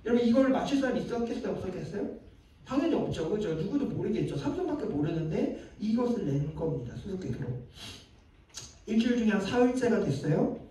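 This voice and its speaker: A male pastor with a high, warm voice talks quickly to a young adults group, his pitch swinging widely. He keeps it conversational, quizzing the crowd and acting out the lines he quotes. The sound is distant and echoey, as if caught from across a reverberant room.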